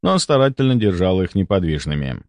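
A man reading a first-person audiobook in an expressive, animated manner. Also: low-pitched, quick pace, dry recording. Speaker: audiobook narrator. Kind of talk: scripted first-person narration.

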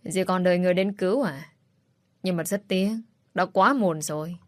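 A woman's voice: fairly low pitch, normal speed, dry recording, clean studio sound, natural voice. A woman doing a cold, accusing young man. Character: cold determined young man seeking justice.

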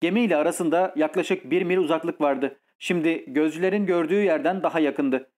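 Guy reading an audiobook, steady and measured, voice a bit higher than most men. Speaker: narrator. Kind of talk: scripted audiobook narration.

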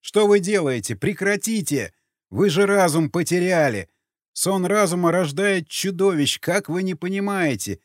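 A man's voice: sits high, lively intonation, a little slow, no room sound, studio quality, voice pushed up. Man playing a horrified hero, raised voice, imploring a mob, audiobook. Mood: horrified pleading. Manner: shouting, imploring.

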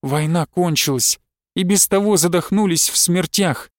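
A man's voice: high voice, moderate pace, no room sound, clean studio sound, natural voice. A man voicing a desperate pleading wife. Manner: pleading, rising, near tears. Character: desperate pleading young wife, devoted, frightened.

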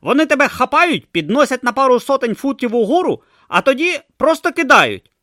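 A man voicing a grumpy, sarcastic god stuck in a male tortoise's body, snapping loudly in an audiobook. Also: very high-pitched, sing-song, fairly quick, no room sound, studio quality, voice pushed up, heavily acted. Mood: grumbling. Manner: snappish, loud, exasperated. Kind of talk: audiobook character voice.

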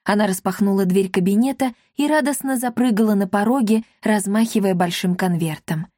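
A woman narrating a storybook in a lively, expressive voice, her pitch sitting in the middle range. The recording is close and dry, with no room echo. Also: brisk. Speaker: audiobook narrator.

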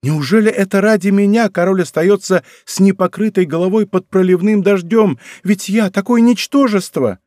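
A man's voice: a little high, moderate pace, a little mellow, no echo, clean studio sound, voice pushed up, close to an everyday voice. Man voicing a timid, frightened young court lady. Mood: alarmed. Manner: pleading, anxious, breathless exclamations. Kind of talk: audiobook character reading.

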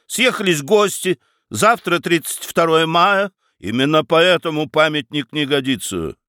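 An indignant, flustered baroness in a pitched-up voice, put on by a man. She speaks in sharp, flaring bursts. The sound is dry and close. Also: animated, measured pace, no echo.

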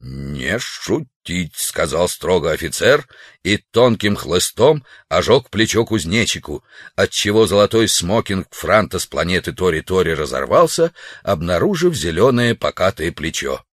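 Man, husky voice, lively intonation, children's audiobook narration, faint music. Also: low-pitched, normal speed, dry recording, studio quality. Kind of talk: storybook narration.

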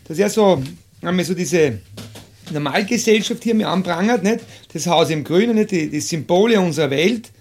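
An older man, a university professor musing over a song, with halting restarts and many tag questions. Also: sits high, creaky, darkish tone. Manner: musing, halting, tags lines with "nicht?". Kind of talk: reflective commentary on a song.

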